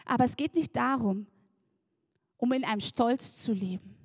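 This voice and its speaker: A high-voiced woman delivers a sermon in a lively, chatty way, turning often to speak directly to her listeners. Her voice sits dry and close, with hardly any room sound around it. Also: moderate pace, breathy edge, no echo. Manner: lively and chatty, laughs and addresses the congregation directly. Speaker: preacher.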